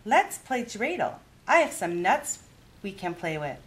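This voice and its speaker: A hospitable old grandmother from a children's storybook, voiced by a woman reader. She chatters kindly and exclaims freely, her voice lifted high and swinging widely in pitch. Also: measured pace. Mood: chatty, fussing. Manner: animated, exclamatory storybook dialogue.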